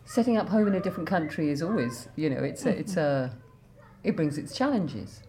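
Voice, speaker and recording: A woman interviewer asking questions in a brisk, conversational way. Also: deep voice, expressive, dark tone, a little hiss or hum.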